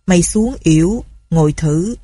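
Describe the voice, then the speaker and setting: A woman's voice: lowish voice, expressive, a little slow, dark tone, slightly rough. A woman voicing a curt, sly male accomplice. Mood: conspiratorial. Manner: curt, conspiratorial.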